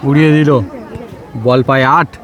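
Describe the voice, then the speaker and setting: A man with a fairly high, level voice provides live play-by-play of a local football match at a school playing field, using short phrases and stock praise at a moderate pace. The noisy outdoor ground carries spectators, vehicles and loud ambience.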